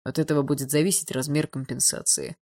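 A woman voicing a cold, domineering older father who speaks curtly and slowly in a low, quiet voice. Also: steady tone. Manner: curt, icy, unhurried.

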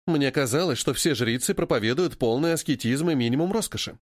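A man's voice: medium pitch, lively intonation, fairly quick, dry recording, studio quality, close to an everyday voice. A man doing an indignant ex-thief woman. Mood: surprised. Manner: indignant, raised voice. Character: sharp-tongued young woman, former thief.

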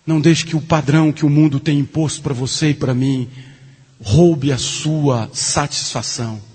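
Husky man preaching in a reverberant hall. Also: moderate pace. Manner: lively preaching, swinging from low earnest tones to loud joking bursts. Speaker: pastor. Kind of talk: sermon.

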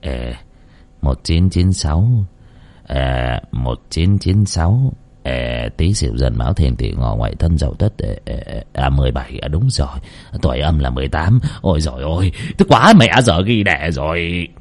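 A man's voice: rumbling low, expressive, normal speed, darkish tone, pitched below the performer's own voice, heavily acted. A man voicing an older man who mutters and counts to himself in grief. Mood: muttering. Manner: mumbling, counting under breath.

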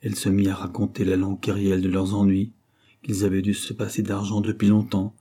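A man narrating an audiobook in a steady, even reading manner. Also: fairly low pitch, a little fast, husky. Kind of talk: scripted narration.

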